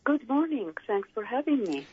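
An older woman from the Palestinian diaspora, a candidate speaking slowly and haltingly in a radio interview over the phone. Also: fairly high pitch, sing-song, a little mellow, husky, no room sound. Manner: slow, halting, many pauses and fillers. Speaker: political candidate guest. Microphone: phone call. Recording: tinny phone line.

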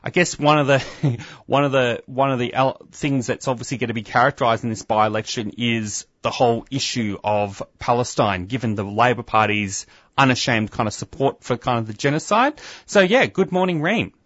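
A man's voice: mid-range voice, normal speed, a bit bright, dry recording, muffled recording. A man hosting a community radio show, introducing a guest hesitantly with many fillers. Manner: hesitant, lots of um and kind of. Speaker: radio host.

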